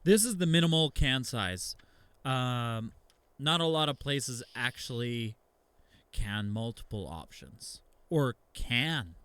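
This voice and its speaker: Brief: argumentative, teasing podcast co-host, smooth clear voice, dry close mic. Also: male voice, medium pitch, animated, slow, a bit bright, no room sound. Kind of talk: casual beer podcast chat.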